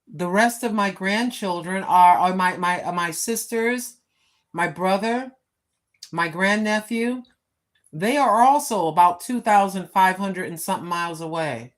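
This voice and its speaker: An unhurried woman in her sixties from the United States talks to her live stream viewers from her seat at home, using a phone mic. Her mid-range voice carries a casual, rambling chat full of fillers, aimed straight at her audience.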